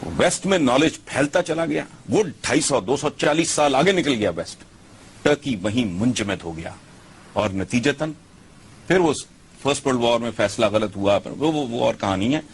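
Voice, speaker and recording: A man's voice: medium pitch, expressive, normal speed, slight background noise. A man giving scornful opinion commentary, lecturing with rhetorical questions.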